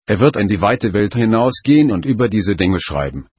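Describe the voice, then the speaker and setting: A man voicing a calm, commanding, otherworldly being who speaks with measured authority. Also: fairly low pitch, husky, dry recording, clean studio sound. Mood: solemn.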